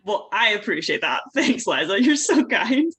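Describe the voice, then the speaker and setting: An exuberant woman from the United States, a communication coach talking as a podcast guest, full of slang and high energy. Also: very animated, moderate pace, pushed and bright, slightly rough. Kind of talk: casual interview chat.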